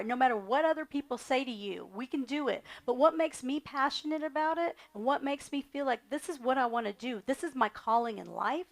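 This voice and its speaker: Earnest woman candidate, gravelly voice. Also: sits high, fairly bright tone. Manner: earnest, repetitive campaign phrasing. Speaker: candidate for county attorney. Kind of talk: interview answers.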